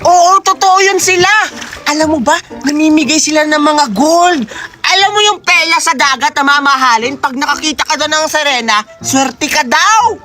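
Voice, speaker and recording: A woman voicing an eager, cheerful young boy in a cartoon, excitable and bossy. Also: sits high, moderate pace, lightly acted. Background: background music.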